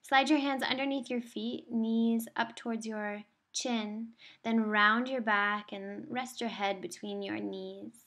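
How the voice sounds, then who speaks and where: A woman's voice: a little high, steady tone, slow, few pauses, fairly bright tone. Soothing woman yoga teacher. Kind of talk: guided yoga class instruction.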